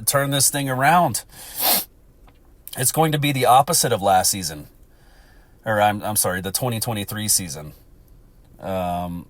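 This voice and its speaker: A man's voice: mid-range voice, no room sound. An American man from Texas with a congested, blocked-nose voice, hosting a casual, rambling, sweary sports chat. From Texas, United States. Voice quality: stuffy, congested nasal voice. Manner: rambling, profane. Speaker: podcast host.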